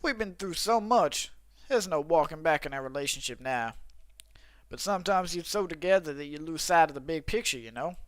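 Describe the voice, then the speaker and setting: A man's voice: fairly high pitch, animated, brisk, no echo, natural voice. A young man voicing a thoughtful male cafe customer from a game in a cowboy drawl, musing as he reads the lines aloud. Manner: reflective, musing. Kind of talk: reading game dialogue aloud.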